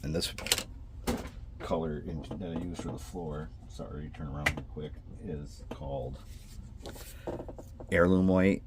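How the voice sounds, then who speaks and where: Against a noisy background, a man with a bass voice speaks in a steady tone at a measured pace, pausing often. He's an adult with a son, rambling in a vlog about building scale models. Sinus congestion makes him nasal, he has a twang, and he breaks off, apologizes and starts again.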